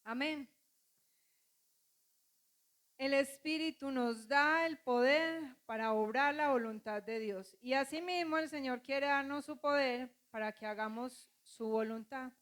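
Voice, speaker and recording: A woman's voice: sits high, a little slow, a bit bright. A woman pastor preaching a sermon, calling on the congregation to repeat after her and acting out quoted voices.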